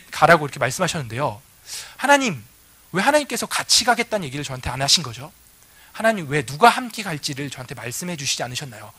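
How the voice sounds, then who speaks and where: A preacher voicing a pleading, bold prophet. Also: male voice, high voice, bright, forceful tone, breathy edge, no room sound, heavily acted. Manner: casual pleading then demanding.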